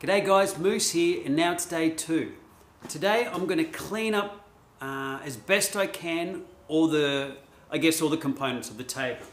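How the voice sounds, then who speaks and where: A man's voice: a little high, a little slow, echoey room. A middle-aged Australian man hosting a casual DIY vlog from his home garage, laid-back and chatty with plenty of ums. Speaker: host.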